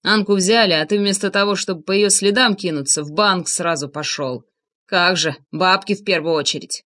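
A woman's voice: lowish voice, moderate pace, fairly bright tone. A woman putting on a sneering brutish man. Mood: sneering threats. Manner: sneering, growling.

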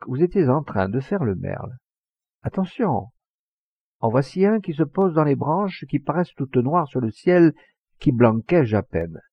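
A man voicing Morin, a gravelly boastful hunter. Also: medium pitch, no echo, exaggerated voice. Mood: absorbed. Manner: commanding, showy teller of tall tales. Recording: dull lo-fi recording.

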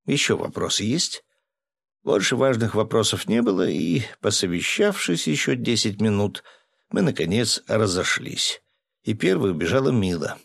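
A man narrates an audiobook in a low, steady voice. The recording is close and dry, with no room sound. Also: normal speed, creaky, husky, no room sound. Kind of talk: scripted narration.

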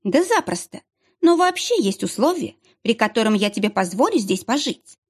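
A woman voicing a sharp-tongued, mocking young heroine with biting, sarcastic retorts. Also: on the high side, big pitch swings, normal speed, husky.

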